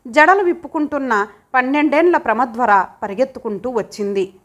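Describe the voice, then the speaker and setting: A woman reads a magazine story aloud as an audiobook narrator. Her voice sits high, and her delivery is steady and expressive. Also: a little fast.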